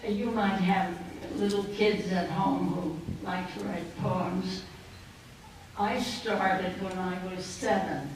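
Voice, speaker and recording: An elderly woman in her early nineties speaks slowly in an echoing hall, her voice on the low side with fairly even intonation. A poet and guest speaker, she tells personal anecdotes to an audience in unhurried, deliberate short phrases. Her microphone sounds distant in the indoor conference banquet room, and faint noise is audible.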